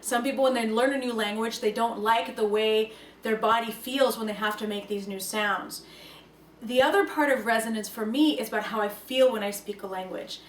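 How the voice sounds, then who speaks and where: A young woman whose first language is Russian gives an earnest, reflective talk about language learning to camera, emphasizing points with liveliness. Her voice is fairly high and her speed normal; she's off the mic in an echoey room with faint room noise.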